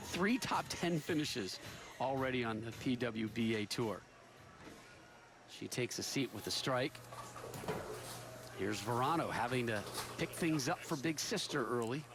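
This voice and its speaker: A man's voice: medium pitch, animated, measured pace, long pauses. Male sports play-by-play commentator.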